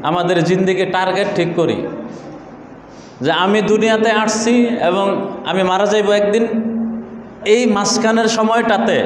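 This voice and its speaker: A man giving a sermon, asking rhetorical questions and answering them in a lower voice. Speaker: mufti preacher. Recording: echoey hall with faint background noise.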